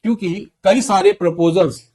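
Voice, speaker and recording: Male teacher, fairly high voice; drills key points, quizzes the class. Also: moderate pace, dark tone. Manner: repeats points and quizzes students; mixes English terms into Hindi. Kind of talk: exam-prep lecture.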